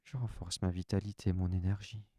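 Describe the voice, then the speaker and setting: Deep-voiced man guiding slow relaxation. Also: no room sound, clean studio sound. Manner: calm, soft, unhurried first-person instructions. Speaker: relaxation guide. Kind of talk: guided relaxation session.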